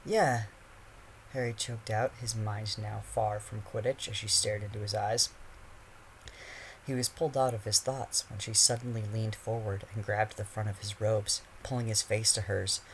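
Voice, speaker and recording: A man narrating a fan fiction chapter in a steady storytelling voice. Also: lowish voice, normal speed, slight background noise, low-quality recording. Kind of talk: reading fan fiction aloud.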